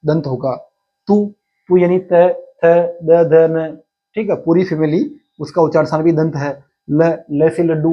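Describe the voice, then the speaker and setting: A male teacher explaining a lesson in Hindi, slowly repeating key terms and answering his own questions. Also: on the high side, slightly rough, dull audio. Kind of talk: exam-prep lesson.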